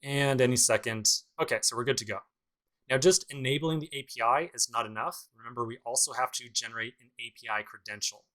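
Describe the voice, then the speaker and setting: In a low-quality recording, a man with a medium-pitched, bright, forceful voice teaches programming. The casual screencast tutorial has him narrating every step and dropping dry, sarcastic comments.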